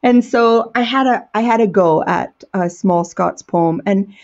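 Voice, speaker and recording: A woman's voice: medium pitch, unhurried, darkish tone, lo-fi sound. A middle-aged American woman, an educator and storyteller, answering interview questions in an earnest, enthusiastic way.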